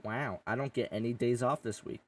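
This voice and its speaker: A man's voice: mid-range voice, fairly quick, recorded from a distance. Rambling, swearing man on a gaming podcast. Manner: rambling, swears often, jokey. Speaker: podcast host and streamer. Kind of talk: casual gaming chat. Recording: dry, a bit off-mic.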